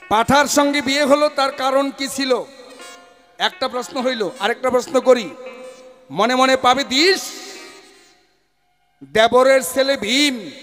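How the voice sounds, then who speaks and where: A man's voice: sits high, fairly bright tone, long reverb tail. A man with a performing a stage folk verse debate, declaiming in rhyme and breaking into song. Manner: declamatory, rhyming, slipping into song.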